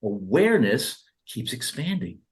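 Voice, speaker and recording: A man's voice: medium pitch, a little slow. A man who works as a therapist and author, talking animatedly in an interview and acting out his sessions with clients. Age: 30s. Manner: animated, acts out dialogue with clients. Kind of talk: interview conversation.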